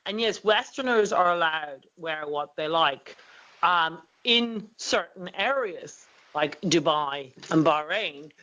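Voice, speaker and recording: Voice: mid-range voice, animated, bright, forceful tone, poor audio. Insistent talk show host. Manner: brisk and insistent, with many ums. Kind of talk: political talk show interview.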